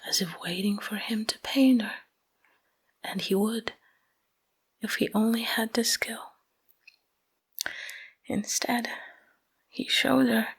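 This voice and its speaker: Speaking close to the mic, a fairly high-pitched woman murmurs a bedtime story in ASMR fashion. The whisper is soft and breathy, delivered in brief phrases with pauses between them.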